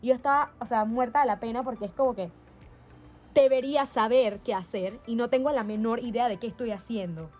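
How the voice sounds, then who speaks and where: A young woman from Panama telling stories in a casual chat, animated and laughing, acting out what others said. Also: a little high, fairly quick, soft background music. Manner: animated storyteller, acts out quoted voices, laughs often.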